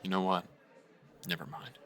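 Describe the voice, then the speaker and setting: A guilty young man in an audio drama; low, bright voice, soft and halting, drops to near-whispers. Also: monotone. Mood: wistful. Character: guilt-ridden young man, former friend. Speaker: [name].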